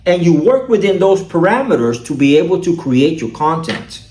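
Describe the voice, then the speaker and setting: A man vlogs casually and chattily about his camera gear, often asking "all right?", while his wife films him outdoors or in a room on a camera-mounted shotgun mic. His voice is a little high and a little mellow, with big pitch swings, a normal speed, and a roomy sound.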